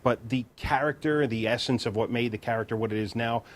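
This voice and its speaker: A game developer reflecting in an interview, pausing and restarting as he looks for the right words. His voice is mid-pitched. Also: a little hiss or hum. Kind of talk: interview recollection.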